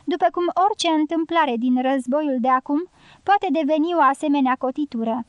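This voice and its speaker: A woman with a high voice reads a novel aloud in a measured, literary way. The sound is close and dry, with no room around it. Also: no room sound, muffled recording. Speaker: audiobook narrator. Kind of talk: scripted audiobook narration.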